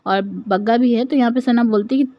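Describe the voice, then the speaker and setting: A woman's voice: fairly high pitch, fairly even intonation, brisk, dry recording, muffled recording. A woman giving a casual narrated recap, retelling scenes and quoting lines with frequent fillers.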